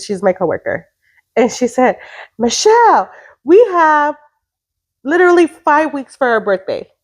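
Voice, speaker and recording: This woman in her late thirties co-hosts a casual chat podcast, speaking bluntly and profanely and slipping Spanish words into her English. Her voice is high, with big pitch swings, and she keeps a measured pace.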